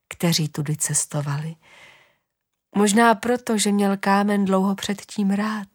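A woman reading a fairy tale aloud in a gentle, unhurried way, often dropping into a whisper. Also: on the low side, dry recording, clean studio sound. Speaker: storyteller. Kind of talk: storybook narration.

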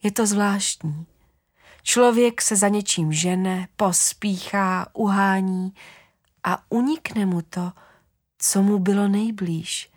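A woman reading a fairy tale aloud in a gentle, unhurried way, often dropping into a whisper. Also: mid-range voice, no room sound, clean studio sound. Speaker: storyteller. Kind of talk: storybook narration.

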